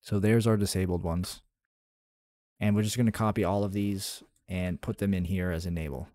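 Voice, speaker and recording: A man's voice: low voice, steady tone, normal speed, warm tone, no echo, studio quality. A man streaming his game development, thinking aloud in a rambling, casual way with many fillers and restarts while answering chat. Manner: answers chat messages between coding steps.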